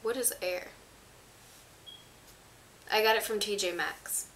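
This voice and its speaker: A teenage vlogger, congested and feeling ill, chats to a camera on a stand in front of her in her small bedroom, rambling casually as she displays products. Her medium-pitched voice is steady, fairly bright and slow, with slight background noise.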